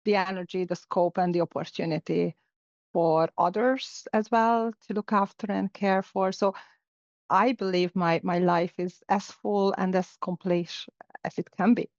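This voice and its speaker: A middle-aged Hungarian woman, a native speaker, reflects as an interview guest in a casual conversation, with many fillers and restarts. Her lowish voice barely moves in pitch, her pace is measured, and her tone is a little mellow. There's no room sound, but the recording is dull and lo-fi.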